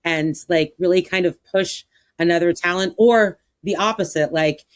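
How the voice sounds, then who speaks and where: A woman's voice: fairly low pitch, moderate pace. A woman hosting a podcast, asking curious questions in a casual, filler-heavy way. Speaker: podcast host. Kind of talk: casual interview chat.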